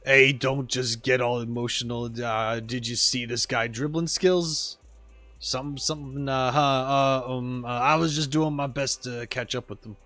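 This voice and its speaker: A man's voice: medium pitch, steady tone, unhurried, pushed and bright, dry recording, faint music behind, pitched below the performer's own voice. A man voicing a blustering male robot soccer coach who scolds and insults his player. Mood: scolding. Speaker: streamer reading game dialogue aloud. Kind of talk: voice acting game dialogue on stream.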